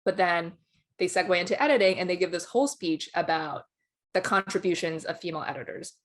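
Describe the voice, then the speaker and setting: Here a film awards expert speaks a little fast in a voice on the low side. She co-hosts a casual movie conversation, offering frank, informal takes on the films.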